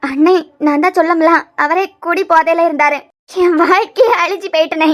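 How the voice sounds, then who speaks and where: A woman's voice: extremely high pitch, fairly even intonation, brisk, pitched above the performer's own voice. A woman voicing a tearful, wronged young woman in a cartoon serial, with a Kanyakumari Tamil accent. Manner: tearful pleading.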